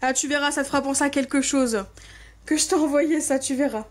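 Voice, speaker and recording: A woman with a notably high voice gushes through a casual unboxing chat, repeating her delight over each item. She talks to her viewers like a friend, relaxed and warmly excited. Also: a little fast. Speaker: scrapbooking channel host.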